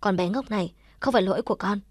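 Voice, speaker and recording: A woman's voice: mid-range voice, racing, darkish tone, no room sound, close to an everyday voice. Frail old mother, weak and tender, woman reader doing, dry sound. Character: gravely ill older mother, tender and weak.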